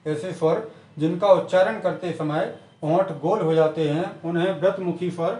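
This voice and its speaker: A man teaching an exam-prep grammar lesson, repeating each definition slowly and methodically. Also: high-pitched, steady tone, mellow, echoey room, recorded from a distance. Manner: repetitive, drills definitions slowly.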